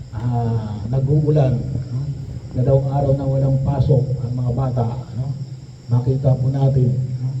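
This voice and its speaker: A priest giving a homily, often pausing on tag questions. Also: male voice, mid-range voice, dark tone. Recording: echoey room from a distance, dull sound, faint noise.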